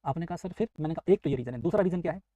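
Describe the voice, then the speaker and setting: A man's voice: on the high side, expressive, racing, dark tone, no echo, rough recording. A man teaching a live online nursing exam class, explaining step by step and acting out students' questions and his own answers. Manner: explains step by step, mixes English into Hindi.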